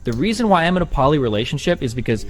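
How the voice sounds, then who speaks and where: A man's voice: a little high, very animated, very fast. A man in his thirties, a streamer talking casually, blunt and matter-of-fact. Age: 30s. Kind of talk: casual chat.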